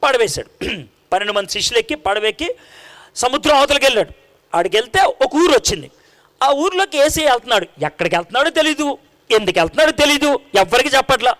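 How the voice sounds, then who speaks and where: High, bright-voiced male preacher. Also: quick pace. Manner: animated storytelling, acting out dialogue and quizzing the congregation. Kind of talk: sermon.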